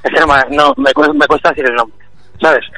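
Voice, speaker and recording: A man, a guest on a comic radio show, talking in halting, repeated phrases and laughing through a mock lament. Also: fairly high pitch, huge pitch swings, creaky, pushed and bright, faint music behind, poor audio. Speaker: phone-in guest.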